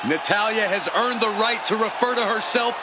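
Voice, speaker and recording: A man's voice: high voice, brisk. A man calling wrestling play-by-play as a commentator, in a dramatic, emphatic delivery over a noisy arena. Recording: loud arena noise behind.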